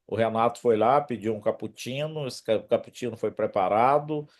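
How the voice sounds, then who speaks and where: A man's voice: on the low side, moderate pace. A Brazilian man hosting a casual group call as a professor, talking through a trade fair visit with frequent restarts. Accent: Brazilian Portuguese. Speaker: host, professor leading a retail trade delegation.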